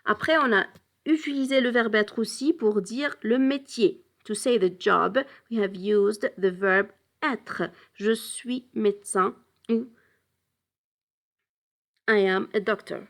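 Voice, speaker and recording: A woman gives a bilingual language lesson, explaining slowly, switching between French and English, and pausing often with hesitation fillers. Her voice is mid-range and a bit bright, with vocal fry.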